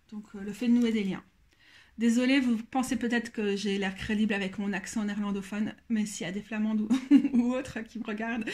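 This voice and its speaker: A woman's voice: mid-range voice, darkish tone. Hesitant, thoughtful woman reviewer. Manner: thoughtful, hesitant, often pauses to search for words. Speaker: tarot deck reviewer. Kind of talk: casual walkthrough of a card deck.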